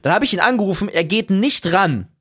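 A young man co-hosting a podcast, telling a story in casual chat, animated and swearing freely. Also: high-pitched, fairly quick. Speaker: podcast co-host.

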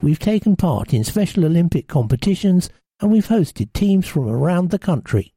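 A woman's voice: on the low side, very animated, normal speed, dark tone, slightly rough, no room sound. A woman reading a scripted personal testimonial. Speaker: amateur basketball player.

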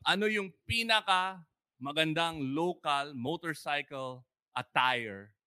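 A man's voice: a little high, slow pace, bright, forceful tone, smooth. A man co-hosting a podcast giveaway, reading quiz questions and laughing along. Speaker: podcast co-host. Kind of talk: lively group chat giveaway.

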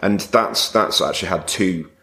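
A man with a deep, low voice speaks in casual interview talk. He is thoughtful and searches for his words as he goes. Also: moderate pace, bright, forceful tone. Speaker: theatre company director.

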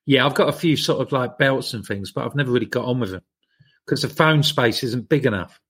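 A man's voice: medium pitch, brisk, a bit bright, husky. A man chatting casually and self-deprecatingly on a running podcast. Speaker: podcast co-host. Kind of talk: casual chat.

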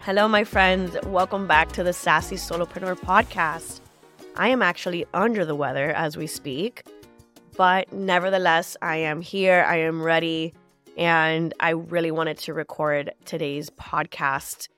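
A woman's voice: on the low side, fairly even intonation, measured pace, fairly bright tone, faint music behind. A woman host delivering a scripted, upbeat, promotional introduction to a podcast.

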